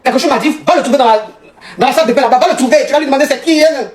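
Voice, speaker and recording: A woman's voice: high voice, racing. A woman, a relationship coach telling a personal story to viewers and acting out both sides of the dialogue. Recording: echoey room with faint noise.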